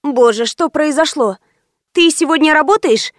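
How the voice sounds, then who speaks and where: A woman doing a hoarse sleepy friend. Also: high-pitched, moderate pace, dry recording, clean studio sound, pitched above the performer's own voice, close to an everyday voice. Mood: grumpy. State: hoarse, just woken up. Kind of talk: audiobook character voice.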